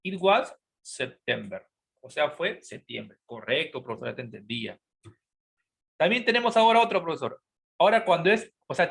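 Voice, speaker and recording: A man teaching English grammar to students. He asks questions, then answers them himself as an imagined student, and his voice trails off softly at the end of those replies. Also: high voice. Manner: spells out each word and repeats each rule.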